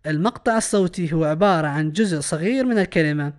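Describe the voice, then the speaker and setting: A man's voice: fairly high pitch, fast talker. Male teacher, Iraqi Arabic accent, patient, repeats and translates words. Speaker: English teacher. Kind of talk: recorded classroom lesson explanation.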